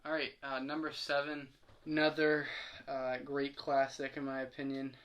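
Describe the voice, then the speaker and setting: A man's voice: medium pitch, monotone, normal speed, a bit bright. A young man co-hosting a podcast, chatting casually in a rambling, hesitant way with lots of fillers. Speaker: podcast co-host. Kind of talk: casual chat.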